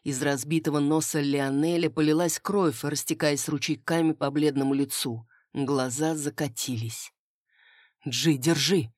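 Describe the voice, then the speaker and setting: A woman narrating a first-person fantasy audiobook in a steady storytelling manner. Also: sits low, normal speed, hardly any pauses, no echo, studio quality.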